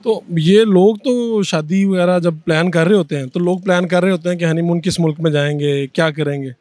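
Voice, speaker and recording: A young man, hosting a brisk street interview outdoors with a handheld mic. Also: sits high, darkish tone. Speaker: interviewer and anchor. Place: busy city street outdoors.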